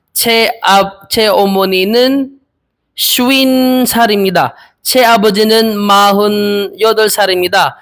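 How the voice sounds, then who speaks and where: A man's voice: sits high, fairly bright tone. Young man practicing Korean answers. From Philippines. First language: Filipino. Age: 20s. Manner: hesitant, repeats each phrase slowly. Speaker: Korean language learner. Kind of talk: practicing interview answers aloud.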